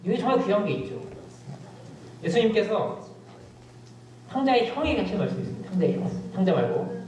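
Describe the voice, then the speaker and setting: A middle-aged male pastor preaching a sermon, telling stories with lively emphasis that drops suddenly to quiet asides. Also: high voice, brisk, slight background noise. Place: church sanctuary. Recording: very echoey church hall, distant mic.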